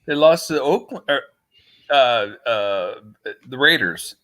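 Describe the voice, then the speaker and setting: Casting: man, slow hesitant delivery, short interjections on a sports panel. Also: mid-range voice, lively intonation, bright, forceful tone. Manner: hesitant, brief remarks. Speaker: sports talk show regular. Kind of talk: casual sports chat.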